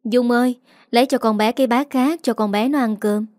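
A woman's voice: fairly high pitch, fairly even intonation, brisk, a little mellow, no echo, clean studio sound, close to an everyday voice. A woman reading the lines of a kind, protective middle-aged mother in an audiobook story. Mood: tender.

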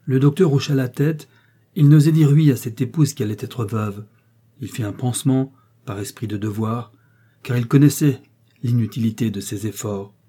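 A man narrating a novel as an audiobook, with a steady, expressive literary reading. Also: mid-range voice, normal speed, husky.

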